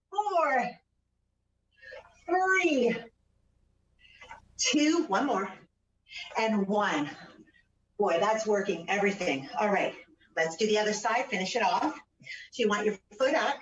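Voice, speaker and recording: A woman leading a home workout as a fitness instructor, counting out repetitions and giving short, encouraging, energetic cues. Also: mid-range voice. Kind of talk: exercise class instruction with counting aloud. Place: indoors at home, room with a couch. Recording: roomy, distant, dull home-video sound.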